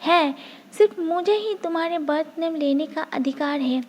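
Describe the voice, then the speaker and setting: A possessive young man who talks to his lover in a soft, hushed way, read by a woman. The voice sits high and light for a man, since the reader keeps close to her own voice. It has the plain, even delivery of a storybook reading. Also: moderate pace, natural voice.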